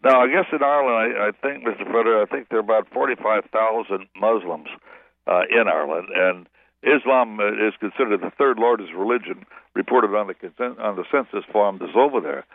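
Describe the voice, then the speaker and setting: A man's voice: on the low side, fairly quick, creaky. Rambling man on a tinny phone line. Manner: rambling, self-correcting. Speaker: guest pastor. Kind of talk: radio phone-in interview. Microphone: telephone.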